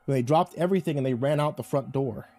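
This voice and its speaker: A man's voice: mid-range voice, fast, dark tone. Tense male horror story narrator. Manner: tense, with nervous stammers. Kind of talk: first-person creepypasta narration.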